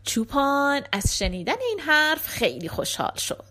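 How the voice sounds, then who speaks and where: A woman storyteller narrating a folktale in an expressive, animated reading. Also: high voice.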